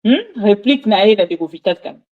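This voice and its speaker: A woman presenter introducing a news clip in a chatty, lively way. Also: mid-range voice, fast, highs cut off, slight background noise.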